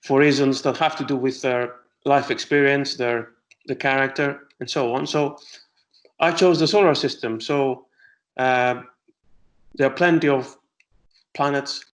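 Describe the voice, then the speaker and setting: A middle-aged man from Greece, an astronomer answering interview questions with many pauses and restarts. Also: mid-range voice, a bit bright, rough recording. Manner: hesitant, many fillers and restarts.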